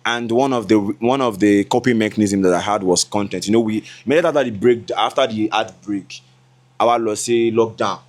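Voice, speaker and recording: A Nigerian content creator in his twenties talks to camera in a relaxed, laughing vlog style at a moderate pace. His voice sits slightly low for a man, and he occasionally drops in asides in Yoruba.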